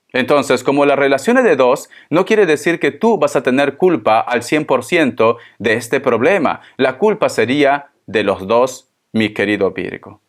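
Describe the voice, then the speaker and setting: A man giving a spoken tarot reading, talking to the listener in a consoling, tender way and repeating his phrases. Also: medium pitch. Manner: slow, repetitive, consoling, addresses the listener tenderly. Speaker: tarot reader.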